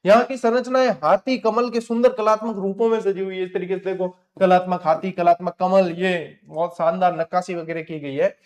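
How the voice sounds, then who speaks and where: High-voiced teacher, quizzing himself. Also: male voice, fairly even intonation, a little fast, few pauses. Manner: asks the class questions and answers them himself; frank, scolding advice to students. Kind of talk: exam-prep lecture.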